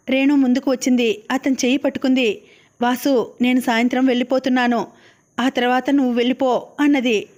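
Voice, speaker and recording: A woman's voice: high voice, a little mellow. A woman narrating an audiobook of a novel, reading all the characters' lines in her own voice.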